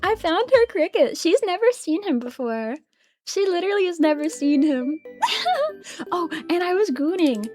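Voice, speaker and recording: Young female VTuber, casual stream chat, excitable, laughs a lot, swears, lively pitch swings. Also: moderate pace, faint music behind. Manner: excitable and giggly, swears freely.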